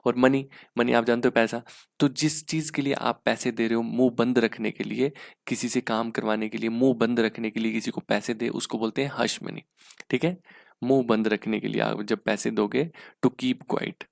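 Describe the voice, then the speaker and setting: A young man with an Indian accent, teaching English grammar and vocabulary for exam prep in a casual lesson, reading sentences out slowly word by word and checking in with repeated rhetorical questions. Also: mid-range voice, level tone, creaky, no room sound, studio quality.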